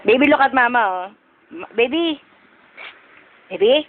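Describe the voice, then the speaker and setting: Woman, pet owner; repetitive, mock-stern baby talk to a cat; high voice; lo-fi home video audio. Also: expressive, measured pace, slight background noise.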